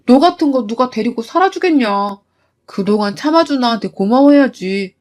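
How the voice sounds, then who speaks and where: A woman's voice: fairly high pitch, lively intonation, normal speed, a little mellow, close to an everyday voice. A woman voicing an arrogant husband who orders his wife around, in a storytelling narration. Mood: contemptuous. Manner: bossy, contemptuous. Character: arrogant mama's-boy husband.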